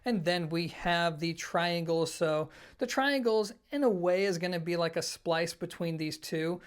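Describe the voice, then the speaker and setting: An audio equipment reviewer addresses viewers directly while comparing products informally and explaining things in a conversational style. The voice is medium-pitched, unhurried, clear, and resonant.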